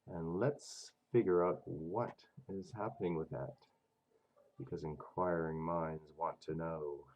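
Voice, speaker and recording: Gravelly, stuffed-up man with a cold. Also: sits low, steady tone, slow, lo-fi sound. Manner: chatty and self-interrupting, talks to himself over charts. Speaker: forex trading channel host. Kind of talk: casual screen-share chart commentary.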